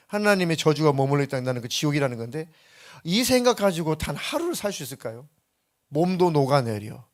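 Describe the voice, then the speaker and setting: Male pastor, church sermon, emphatic, asks rhetorical questions, fairly high voice. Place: church sanctuary.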